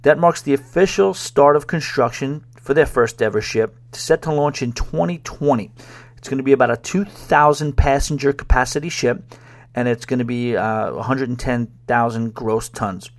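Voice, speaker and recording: On his solo podcast, a man discusses cruises casually at a moderate pace in a mid-range voice. Wry sarcasm colors his delivery, which is marked by frequent restarts.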